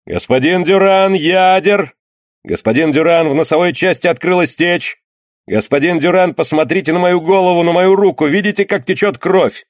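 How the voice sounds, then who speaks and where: A man's voice: fairly high pitch, moderate pace, voice pushed up, lightly acted. A man reading an audiobook voices panicked wounded sailors pleading frantically for help. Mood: frantic.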